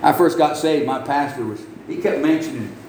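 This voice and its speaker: A man's voice: fairly high pitch, normal speed, darkish tone. A man preaching a folksy, exclamatory sermon full of "amen" and "man". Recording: echoey room with faint background noise.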